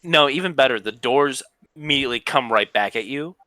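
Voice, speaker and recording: A man's voice: mid-range voice, brisk, pushed and bright, no room sound. A man narrating as game master of a tabletop game, casual and rambling with lots of fillers.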